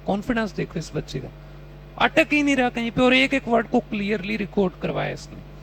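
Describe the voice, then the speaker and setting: A man's voice: high-pitched, expressive, a little fast, gravelly, a bit bright, a little hiss or hum, poor audio. A man teaching a test-prep class, teasing and mock-scolding his students while quizzing them on whether they follow. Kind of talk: classroom coaching lecture.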